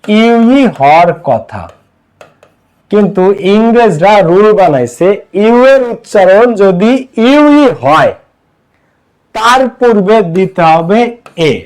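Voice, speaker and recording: Young Bangladeshi male tutor, high-pitched voice, Bangladeshi accent, quizzes the class and answers himself. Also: lively intonation, slow, a little mellow, clear, resonant tone. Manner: asks the class questions and answers them himself. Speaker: English teacher. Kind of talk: online class lecture.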